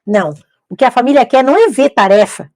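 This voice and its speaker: A woman's voice: a little high, expressive, fast talker, darkish tone, dry recording. A middle-aged woman, giving an instructional talk to teachers, emphatic and repeating key points with rhetorical questions. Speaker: educator teaching literacy teachers.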